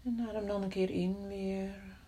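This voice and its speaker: A woman guiding a body-scan meditation in a soft, often whispered voice, slow and calm with long pauses. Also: mid-range voice. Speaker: meditation guide.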